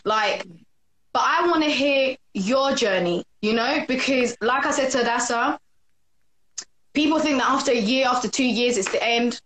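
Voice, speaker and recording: A woman hosting a livestream, excited and gushing with frequent agreement. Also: fairly high pitch, normal speed, reverberant. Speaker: livestream host. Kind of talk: casual livestream chat.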